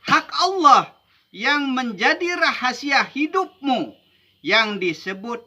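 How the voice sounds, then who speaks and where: A man's voice: very high-pitched, very animated, slow pace, pushed and bright. A man from Indonesia teaching Sufi mysticism in a rhythmic, emphatic way, often ending points with "begitu". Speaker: religious teacher.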